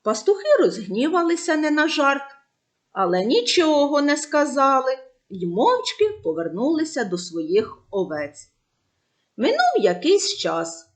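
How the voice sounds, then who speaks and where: A woman tells a children's fable with a high, lively voice. Her reading is slow and dramatic, leaning into every turn. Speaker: narrator. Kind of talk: storytelling for children.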